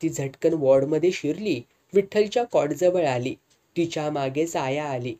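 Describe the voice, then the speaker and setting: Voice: mid-range voice, normal speed, warm tone. A narrator reading a dramatic story steadily, as an audiobook.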